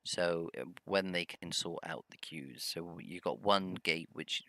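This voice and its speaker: A man with a low, sharp-toned voice speaks unhurriedly, with no room sound. As host of a gameplay video, he casually comments on his own play, rambling with many hesitations and humming to himself.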